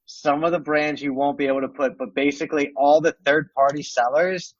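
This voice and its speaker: A man on the high side speaks in a steady tone, a little fast, in a dry recording with dull audio. His accent mixes American and Romanian. He guests on a podcast as an expert demonstrating software, casually describing the screen and leaning heavily on fillers like "um" and "like."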